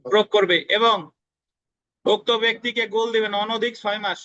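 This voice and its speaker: A man's voice: high voice, fairly even intonation, brisk, sharp tone. Bangladeshi guy teaching a law class, keeps asking "got it?", dull lo-fi recording. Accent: Bangladeshi Bengali. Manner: repeats key points, asks students if they understand; dictates spelling letter by letter. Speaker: law tutor.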